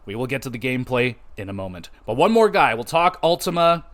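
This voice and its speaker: A man's voice: mid-range voice, fast talker. A man with an ordinary mid-range voice talks through a game review on his podcast. He is loose and unscripted, swears freely and trails into restarts and fillers as he goes. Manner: loose, profane and animated, with many fillers and restarts.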